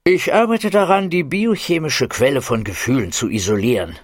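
A man's voice: medium pitch, moderate pace, no room sound, studio quality, lightly acted. A man voicing a scheming, greedy middle-aged scientist in an audiobook. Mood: gloating.

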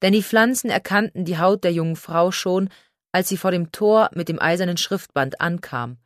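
Low-voiced woman narrating a novel. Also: no echo, studio quality. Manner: measured, literary storytelling. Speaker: audiobook narrator. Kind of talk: scripted narration.

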